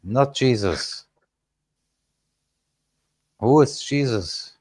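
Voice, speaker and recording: A man, speaking English as an in a casual panel chat and often pausing to search for words. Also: mid-range voice, lively intonation, a little mellow, no echo. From Germany. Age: 30s. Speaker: panel guest.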